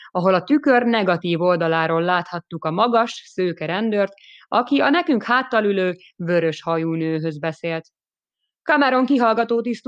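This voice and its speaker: A woman giving a lively, expressive first-person audiobook narration. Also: on the low side, clean tone, lo-fi sound.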